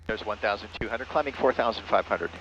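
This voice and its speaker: A man's voice: lowish voice, quick pace, fairly bright tone. A man piloting a small plane, making clipped procedural radio calls and narrating the flight over a headset. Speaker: pilot and ham radio operator. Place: small airplane cockpit in flight. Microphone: aviation headset. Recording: muffled cockpit radio audio, aircraft noise. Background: light aircraft engine noise.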